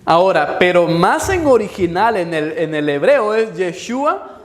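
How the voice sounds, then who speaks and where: A man preaching a sermon to a congregation, teaching as he goes, quizzing his listeners and having them repeat words after him, and slowing down whenever he reads scripture aloud. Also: sits high, sing-song. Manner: slows down when reading scripture aloud. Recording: long hall reverb.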